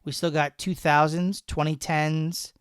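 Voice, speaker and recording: A man's voice: a little high, little pitch movement, measured pace, clear, resonant tone, dry recording, clean studio sound. A man in his thirties hosting a casual podcast, laughing often as he reads slang definitions with jokey examples. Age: 30s. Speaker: podcast host.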